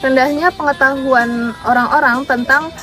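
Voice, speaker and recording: A woman with a high voice reads scripted narration. Faint music sits behind her. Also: steady tone, normal speed, a bit bright. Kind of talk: read narration.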